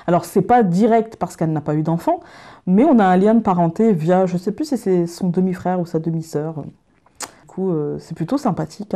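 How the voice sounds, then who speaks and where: A woman's voice: mid-range voice, dark tone. Chatty Frenchwoman with a light Picard accent. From Picardy, France. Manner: chatty and self-mocking, laughs often; many fillers and restarts. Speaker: YouTuber doing a tag video. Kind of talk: casual chat to camera.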